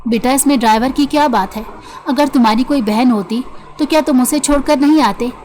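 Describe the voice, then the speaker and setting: A woman voicing a gentle, patient middle-aged mother who calmly persuades her son. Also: high voice, a little fast, natural voice. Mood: coaxing. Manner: soothing, persuasive.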